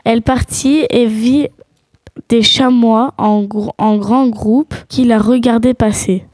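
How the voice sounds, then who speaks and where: A woman's voice: fairly high pitch, steady tone, slow pace, darkish tone, slight background noise. A woman telling a children's animal tale as a storybook narrator.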